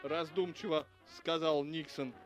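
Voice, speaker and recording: Man, audiobook narrator, high voice, dry, matter-of-fact, faint music. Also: steady tone, a little slow.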